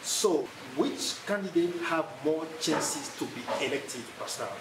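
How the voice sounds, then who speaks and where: A man hosting an interview, asking formal, slightly halting questions. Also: on the high side, lively intonation. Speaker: interviewer, host. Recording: roomy room with clear ambient noise.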